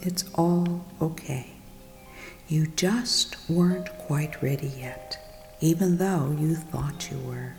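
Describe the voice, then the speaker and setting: A woman leading a guided meditation, speaking softly and soothingly, often in a whisper. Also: low-pitched, takes it slowly. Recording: long reverb with music behind.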